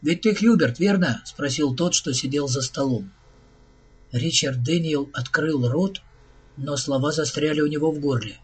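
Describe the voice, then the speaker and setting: A man narrating a science fiction audiobook in a measured, even storytelling manner. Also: a little high, breathy edge.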